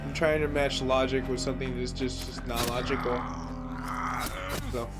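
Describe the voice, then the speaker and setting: A man's voice: medium pitch, little pitch movement, moderate pace. A man giving casual, complaining, critical commentary while he plays a video game. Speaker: gamer commentating over gameplay. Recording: loud game audio behind voice. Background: loud game music and game audio.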